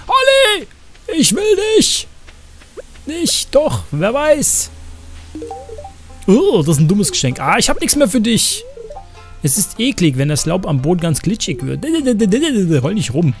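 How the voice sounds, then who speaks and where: A man with a slightly high voice streams gameplay, offering casual, chatty commentary. He jokes around and tosses crude, cursing asides to his chat.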